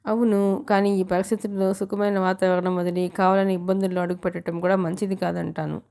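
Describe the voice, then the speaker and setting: A woman's voice: medium pitch, level tone, fairly quick, creaky, dark tone, close to an everyday voice. A woman voicing a practical, frank young female friend in an audiobook novel.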